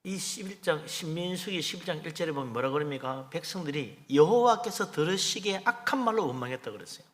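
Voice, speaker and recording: A man's voice: a little high, lively intonation, quick pace, few pauses, long reverb tail. A male pastor preaching a midweek Bible sermon in a conversational way, acting out the lines he quotes. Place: church sanctuary.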